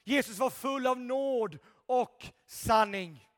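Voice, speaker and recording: A man preaching an impassioned revival sermon, shouting at peaks and dropping to quiet intensity. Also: very high-pitched, long reverb tail.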